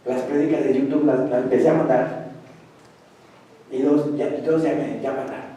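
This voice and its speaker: A man's voice: mid-range voice, fairly even intonation, normal speed, warm tone, very echoey, far from the mic, rough recording. A man preaching a sermon as pastor, pressing his points with repeated phrases and rising emphasis. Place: church.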